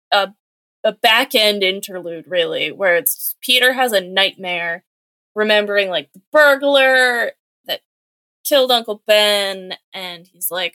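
Young female co-host, bright forceful tone, loose filler-heavy recap style, dead-dry recording. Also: medium pitch, no echo. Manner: chatty, filler-heavy retelling with quick acted-out quotes. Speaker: podcast co-host. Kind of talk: casual chat recapping a comic book.

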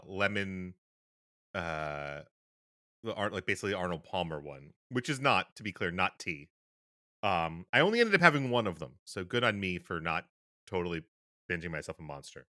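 A man's voice: low-pitched, bright, forceful tone, no room sound, studio quality. A man co-hosting a podcast in casual chat, rambling with fillers and restarts. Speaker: podcast co-host.

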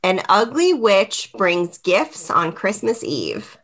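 A woman's voice: mid-range voice, wildly swooping pitch, slow, a bit bright. A woman co-hosting a casual podcast chat, reading out trivia prompts and laughing often. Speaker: podcast co-host. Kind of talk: casual chat quiz game.

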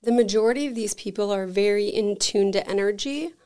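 This woman, a guest on a podcast who runs an energy healing center, relates lively anecdotes in chatty, informal speech heavy with "like." She talks a little fast at medium pitch.

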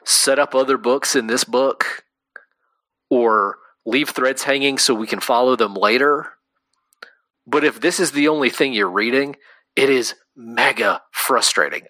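A man co-hosting a casual podcast about comics, talking in animated quick bursts full of fillers. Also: medium pitch, no echo. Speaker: podcast co-host. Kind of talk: casual chat.

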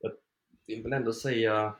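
A relaxed young man from Sweden chats about his band in a loose, unhurried way, dropping fillers and laughing easily. His voice sits fairly low, and the room around him rings with a noticeable echo. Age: young adult. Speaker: band member, guest. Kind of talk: casual interview chat.

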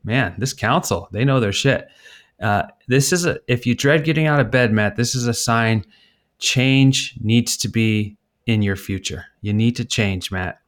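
A man's voice: medium pitch, a little slow. A middle-aged man co-hosting a podcast in casual comedic chat, teasing his friend while reading articles aloud. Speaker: podcast co-host.

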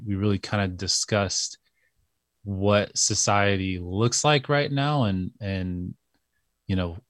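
A man with a low voice answers podcast questions thoughtfully, pausing and restarting as he searches for words. The sound is dry and close, with no room echo. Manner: thoughtful, hesitant, many fillers and restarts. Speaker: podcast guest. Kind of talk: casual interview chat.

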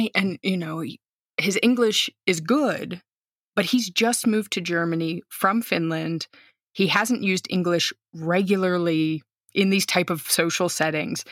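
At medium pitch and with no room sound, this clean studio clip features an American teacher in her thirties. As a lively, outgoing guest, she narrates a story in conversation, voicing each person she quotes.

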